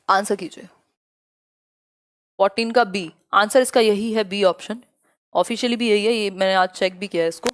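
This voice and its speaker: Hindi-speaking woman teaching a live class. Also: mid-range voice. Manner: direct, scolding students, reads questions slowly. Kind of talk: live online exam-prep class.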